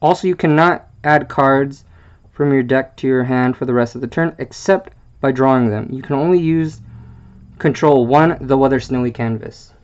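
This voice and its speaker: Man reading card text, slightly muffled. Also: mid-range voice. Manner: halting, stumbles over card wording with fillers. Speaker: YouTube deck presenter.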